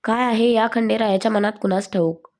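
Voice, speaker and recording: A woman's voice: fairly high pitch, fairly even intonation, a little fast, a little mellow, lightly acted. A woman voicing a weary, grieving older mother who speaks in a tearful, sighing way in a story reading. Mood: sorrowful.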